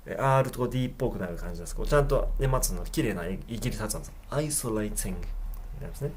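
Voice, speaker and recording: A Japanese university English teacher giving a pronunciation lesson, slowly repeating English phrases and explaining them in a casual way. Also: mid-range voice, expressive, darkish tone, a little hiss or hum.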